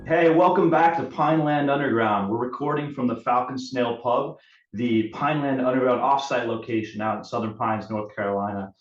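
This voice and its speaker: A man's voice: mid-range voice, brisk, soft background music. Male podcast co-host, echoey sound, muffled, explaining plainly. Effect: echoey, distant sound from an audio fault. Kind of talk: casual podcast chat. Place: pub used as offsite studio. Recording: echoey, dull, distant mic.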